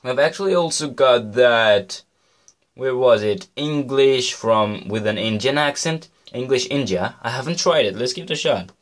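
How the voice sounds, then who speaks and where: A man's voice: mid-range voice, lively intonation, normal speed. A young man from Denmark, casually reviewing a phone feature and chatting playfully to his viewers. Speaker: tech YouTuber.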